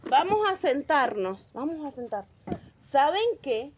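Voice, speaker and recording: Slow, high-voiced Argentine storytelling woman. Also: slight background noise. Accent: Argentine Spanish. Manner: slow, animated and playful. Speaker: children's storyteller. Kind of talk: telling a Bible story to children.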